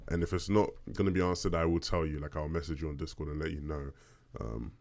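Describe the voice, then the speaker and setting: Casting: male podcast host, deep low bass, casual solo question-and-answer delivery, conversational. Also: fairly even intonation, fast talker, creaky, a little mellow. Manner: conversational, checks in with "right?".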